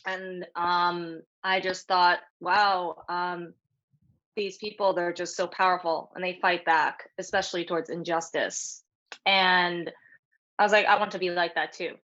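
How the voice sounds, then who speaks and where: A woman's voice: lowish voice, level tone, unhurried, a bit bright, lo-fi sound. A woman, a martial arts guest, speaking thoughtfully with many fillers in a casual interview over a video call. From New York City. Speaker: guest, naginata practitioner.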